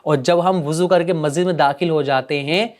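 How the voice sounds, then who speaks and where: A man teaching a religious lesson to children, gently coaxing them with repeated questions. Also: on the high side, steady tone.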